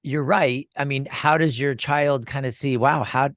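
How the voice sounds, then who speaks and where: A middle-aged man hosts a radio talk show in a loose, chatty way, often restarting and repeating his words. His voice sits at a mid pitch. The studio sound is close and dry, with no room echo. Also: steady tone, a little slow, fairly bright tone. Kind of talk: casual radio interview chat.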